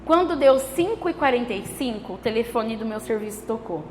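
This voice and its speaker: A woman pastor with a Brazilian Portuguese accent preaches in a high voice, passing from quiet testimony to fervent exhortation. Her sermon rings with the long reverb of a large church hall, with faint noise underneath. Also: animated, a little fast. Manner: impassioned, swings from hushed storytelling to fervent exhortation.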